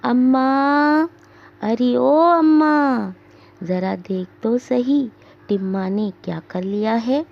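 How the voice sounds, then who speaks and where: A woman teacher voicing a panicked young widowed mother who cries out for her son in high, tearful calls. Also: takes it slowly, vocal fry, dull audio. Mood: frantic, tearful.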